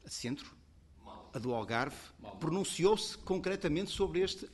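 A man's voice: fairly high pitch, lively intonation, a little slow. A man with a European Portuguese accent, a member of parliament explaining his position in committee debate, repeating points in a conciliatory way.

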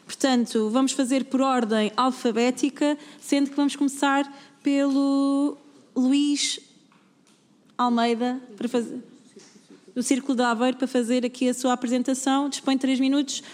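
A high-pitched woman in her thirties with a European Portuguese accent runs a parliamentary committee session, friendly and practical with plenty of fillers. Her voice carries a long reverb, as in a large chamber. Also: steady tone, normal speed, darkish tone. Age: 30s. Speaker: committee chair, young MP. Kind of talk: chairing a formal session.

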